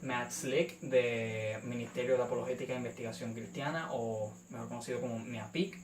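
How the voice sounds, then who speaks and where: A young Puerto Rican man speaks in a measured way, with many hesitant "eh" fillers. His voice sits back from the microphone in a bare, echoing room. A faint hiss of background noise runs underneath. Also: mid-range voice, fairly even intonation, far from the mic. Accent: Puerto Rican Spanish. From Puerto Rico. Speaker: YouTube channel host. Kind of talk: apologetics response video.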